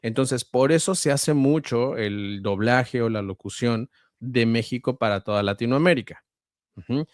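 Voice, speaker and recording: Male voice-over guest with a central Mexican accent, mid-pitched, dry close sound, measured and explanatory. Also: no room sound. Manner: measured, explanatory, frequent hesitations. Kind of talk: conversational interview answers.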